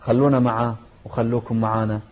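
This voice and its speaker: A man of middle pitch teaches Quran recitation. He chants each verse slowly and tunefully, then briskly spells out the correct pronunciation. The recording is dull and lo-fi. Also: little pitch movement, a little mellow.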